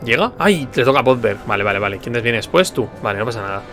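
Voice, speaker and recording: A man with a Spanish accent from Spain giving casual gameplay commentary as a let's player, excitable with animated exclamations. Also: medium pitch, racing, faint music behind. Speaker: let's play streamer.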